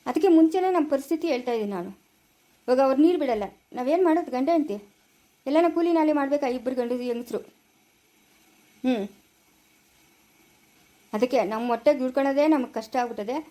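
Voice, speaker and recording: A stern old village father, acted by a woman, with a Chikkaballapura Kannada accent. He scolds bluntly and repeats himself. The voice sits high, and the words come quick. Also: warm tone, lightly acted, poor audio. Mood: stern, scolding. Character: stern older village father turning his son away. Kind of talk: amateur family drama acting.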